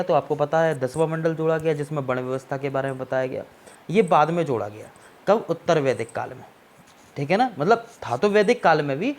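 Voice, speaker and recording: A man's voice: on the high side, a little mellow. A man teaching an exam-prep history lesson, explaining step by step and often checking that students follow, with English words mixed into his Hindi. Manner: explanatory, repeats "ठीक है ना" to check understanding.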